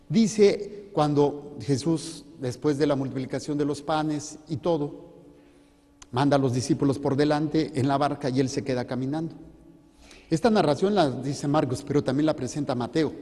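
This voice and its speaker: A priest preaching a sermon in a church, joking and putting questions to the congregation. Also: male voice, mid-range voice, moderate pace, dark tone. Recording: reverberant hall.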